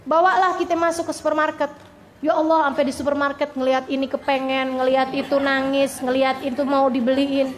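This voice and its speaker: A woman religious teacher, preaching in a lively, animated storytelling way. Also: a little fast, slight background noise. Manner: animated storytelling, acts out scenes with high squeals and laughter. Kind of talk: lively sermon.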